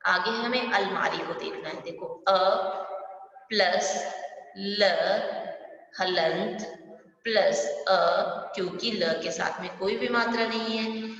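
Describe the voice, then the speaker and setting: Speaking slowly in a fairly bright mid-range voice, a woman runs an online primary school language lesson with patience, breaking things down step by step and questioning her pupils often. The mic is distant, the room is very echoey with long reverb, and the overall sound is a bit dull.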